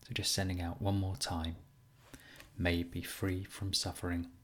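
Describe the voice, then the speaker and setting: Low-voiced man guiding a meditation. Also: little pitch movement, slight background noise. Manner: gentle, soothing, unhurried instruction with pauses. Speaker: meditation teacher. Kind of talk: guided compassion meditation.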